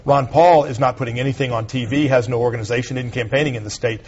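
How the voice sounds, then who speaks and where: A man makes his political case at a quick clip, firm and assertive. His voice has a husky edge, and the sound is muffled like an old broadcast. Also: medium pitch, fairly even intonation, a little mellow. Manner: quick, assertive partisan analysis. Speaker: conservative talk show host, panelist. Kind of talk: political panel discussion.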